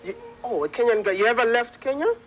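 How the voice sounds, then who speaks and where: A high, bright-voiced Ghanaian man with a Ghanaian accent interviews his guest with eager energy. Faint music plays under his voice. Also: fast, poor audio. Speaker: interviewer, vlogger. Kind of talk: on-location interview.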